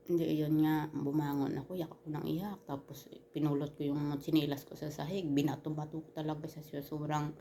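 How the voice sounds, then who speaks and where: A woman telling a personal story in casual storytime style, halting with many restarts and fillers, earnest and turning heated at times. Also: low-pitched, gravelly, darkish tone, slight background noise.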